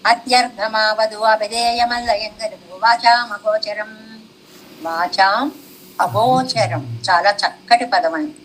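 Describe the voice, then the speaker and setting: A woman's voice: on the high side, slight background noise, poor audio. A woman giving a devotional discourse on scripture commentary, reciting classical verses and then explaining them with rhetorical questions. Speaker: religious teacher.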